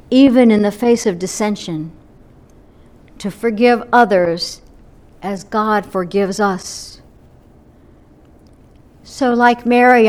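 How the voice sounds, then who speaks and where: A woman pastor tells a quiet storybook sermon to her congregation. Her voice sits somewhat high and moves at an unhurried pace. She often lets her phrases sink into a soft, breathy hush. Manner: gentle, unhurried, softening to near-whispers at phrase ends.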